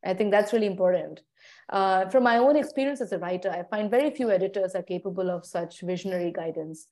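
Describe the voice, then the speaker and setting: Reflective woman with a mellow voice. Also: mid-range voice. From India. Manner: reflective, measured, pauses to search for words. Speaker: interview guest, food writer. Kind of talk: conversational interview answers.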